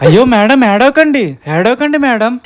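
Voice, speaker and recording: A woman's voice: fairly high pitch, lively intonation, normal speed, close to an everyday voice. A woman playing a flustered young man who keeps begging and apologizing to two women in a comedy sketch. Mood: pleading. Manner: pleading, apologetic. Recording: music bed behind voice.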